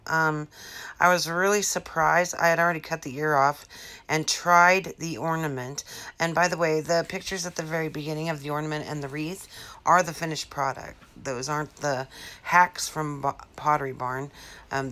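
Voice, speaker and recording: A woman's voice: sits low, sharp tone. A woman in her fifties chatting casually through a home craft tutorial, rambling with many fillers and restarts. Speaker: craft vlogger. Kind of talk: casual DIY tutorial chat. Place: living room at home.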